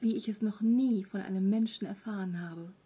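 Woman doing a storybook monster, small, furry, three-eyed, mischievous, rough half-whisper, breathy. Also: mid-range voice, normal speed, dark tone, natural voice. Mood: cheeky friendly. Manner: mischievous, friendly. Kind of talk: audiobook character voice.

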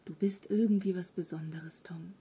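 A woman reading an audiobook, voicing a small, friendly, three-hundred-year-old furry monster with a pleasantly rough, half-whispered voice and a mischievous manner. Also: on the low side, steady tone, moderate pace, dark tone. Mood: cheeky friendly. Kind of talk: audiobook character voice.

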